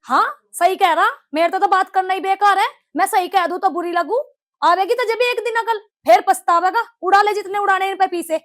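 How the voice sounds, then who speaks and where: An actress playing a sharp-tongued, argumentative young daughter-in-law with a Haryanvi accent. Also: female voice, extremely high pitch, a little fast, soft background music.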